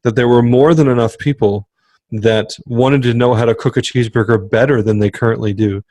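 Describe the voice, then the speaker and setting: A man's voice: mid-range voice, fairly even intonation, a little fast, mellow, dry recording. A man co-hosting a podcast in casual chat, talking emphatically and circling back to repeat his motivational point. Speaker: podcast co-host.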